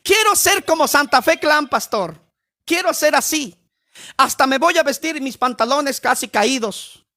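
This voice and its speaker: Brief: eager starstruck young man, put on by a preacher, high voice, pleading. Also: lively intonation, a little slow, pushed and bright, heavily acted. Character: starstruck young man wanting to copy idols.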